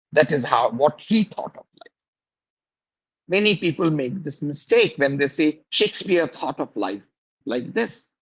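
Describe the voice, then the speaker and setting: Male teacher, slow classroom lecture, many pauses and fillers, dull lo-fi recording. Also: fairly high pitch, fairly bright tone, husky. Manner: asks the class questions.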